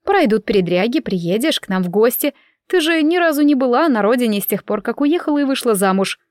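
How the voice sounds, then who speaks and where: Woman reading a soft, gentle mother. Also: a little high, lively intonation, a little fast, dry recording, studio quality, natural voice.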